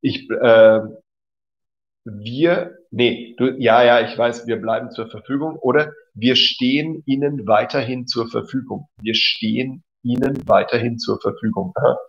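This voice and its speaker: In a live-streamed German class, a man reads his chat aloud at a slightly slow pace, his medium-pitched voice staying fairly even. Encouraging throughout, he compliments viewers a lot and leans on "genau" and "cool." The recording has a dull lo-fi quality.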